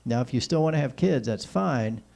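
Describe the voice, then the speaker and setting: A man's voice: medium pitch, lively intonation, moderate pace, gravelly, darkish tone. A man with a whistling s hosting a call-in show, giving opinionated, joking monologues addressed straight to listeners. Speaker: talk show host.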